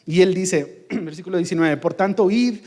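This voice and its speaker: A man's voice: high-pitched, moderate pace, a little mellow, long reverb tail. A man preaching a sermon in church, emphatic, with rhetorical questions and repetition. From Mexico. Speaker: pastor.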